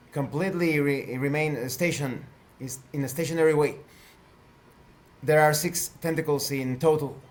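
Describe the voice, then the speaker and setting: Guy running a sci-fi tabletop game, higher voice, slow careful narration. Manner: measured, deliberate, halting narration. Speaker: game master.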